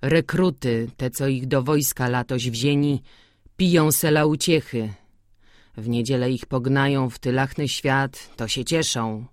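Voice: mid-range voice, unhurried, no echo, clean studio sound, close to an everyday voice. A reader voicing an angry, resentful young male peasant who grumbles, in an audiobook.

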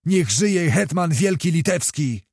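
A man playing a fiery young cavalry commander who roars his orders at the troops, in a raised, pushing voice. The delivery is loud and urgent, with every call thrown out to rally men. The sound is close and dry, with no room around it. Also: fairly high pitch, animated, unhurried, creaky, husky, no room sound, pitched above the performer's own voice, heavily acted. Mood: rousing.

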